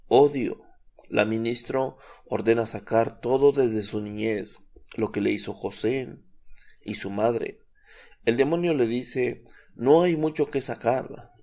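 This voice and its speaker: A man giving a measured, solemn scripted narration of a religious account. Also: mid-range voice, creaky, a little mellow.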